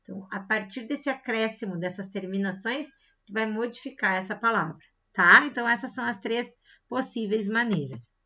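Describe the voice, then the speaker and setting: Her voice sits on the high side, pushed and bright, as a Brazilian Portuguese-accented woman works through a recorded grammar lesson at a moderate pace. She breaks things down step by step, frequently tagging on "tá?" and "né?" to check in. The sound is lo-fi and a bit dull.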